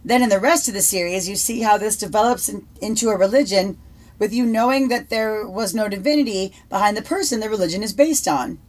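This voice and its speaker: A woman's voice: mid-range voice, fairly quick. Woman reading answers on a podcast. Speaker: podcast co-host. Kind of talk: casual podcast chat, reading prepared answers.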